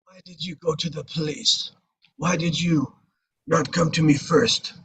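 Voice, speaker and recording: An actor playing an ageing Italian-American mafia don in a screenplay table read, measured and reproachful, with a husky rasp. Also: male voice, fairly high pitch, steady tone, fairly bright tone, a little hiss or hum. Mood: quiet reproach. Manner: slow, deliberate, reproachful.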